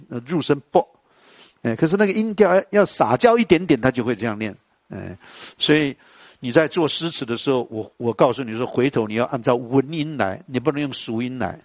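A man with a Taiwanese Mandarin accent teaching a lesson on classical poetry tones, quizzing students and chanting lines slowly. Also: mid-range voice, no room sound.

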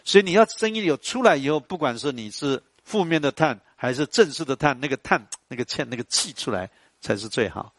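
A man, lecturing a class in an animated, storytelling way and putting questions to the audience. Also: mid-range voice, a little fast, dry recording.

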